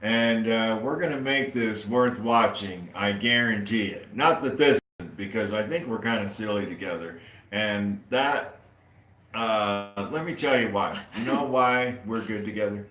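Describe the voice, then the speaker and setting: Bright-voiced laid-back man. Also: lowish voice, a little slow. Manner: laid-back joke-telling. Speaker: co-host. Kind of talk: casual chat. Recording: echoey room, faint ambience.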